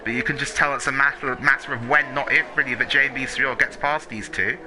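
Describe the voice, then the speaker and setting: A man's voice: medium pitch, fairly even intonation, fast. A man working as a motorsport commentator, calling a sim race live, play-by-play. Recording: clearly noisy, engine sound behind the voice. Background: racing car engines from the game.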